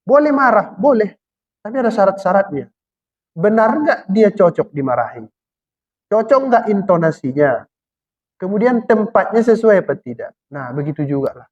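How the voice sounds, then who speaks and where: A man preaching a Quranic exegesis sermon, putting questions to the congregation and answering them himself, and slowing right down to recite verses. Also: high voice, expressive, a little mellow. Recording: dull lo-fi recording.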